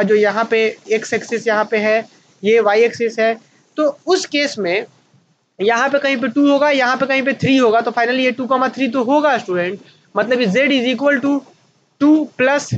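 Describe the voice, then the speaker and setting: A man with an Indian accent teaching a maths class, asking questions and answering them himself and slowing down to dictate notes. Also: extremely high pitch, dull audio, a little hiss or hum. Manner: slows right down to dictate notes. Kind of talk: online maths lecture at a whiteboard.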